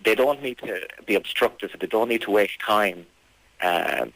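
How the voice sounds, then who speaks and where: A man being interviewed on radio as a campaigner, speaking formally and insistently, with halting phrasing. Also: on the low side, expressive, vocal fry, fairly bright tone, poor audio.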